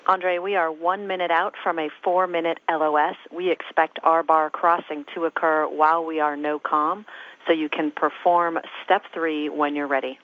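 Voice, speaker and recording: A man at mission control gives calm, precise procedural calls over a crackly space radio link. His fairly high voice sounds tinny and narrow, dry with no room around it. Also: normal speed, dry recording. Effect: crackly space-to-ground radio link.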